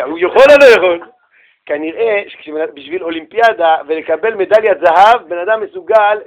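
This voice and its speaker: High-voiced man telling a lively religious story. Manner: animated, slangy, chatty with listeners, acting out quoted voices. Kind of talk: casual religious talk with storytelling.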